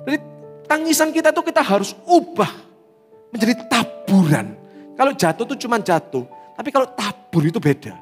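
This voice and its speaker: A man with an Indonesian accent preaches with a high, lively voice that swoops up and down. He acts out tearful prayers as he teaches. The sound carries a long hall reverb with faint music underneath. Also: brisk. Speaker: pastor. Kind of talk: sermon.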